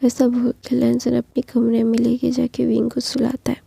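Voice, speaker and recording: A woman narrating a fan story in a soft, half-whispered retelling. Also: on the high side, completely flat delivery, moderate pace, gravelly, husky, dry recording.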